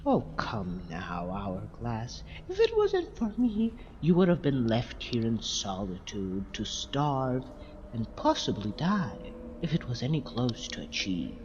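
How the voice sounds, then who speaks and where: A man playing a mad, scheming Time Lord villain in an audio drama, speaking in a haughty, measured, mocking and theatrical way. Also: medium pitch, huge pitch swings, a little mellow, in a large hall, lo-fi sound, a little hiss or hum.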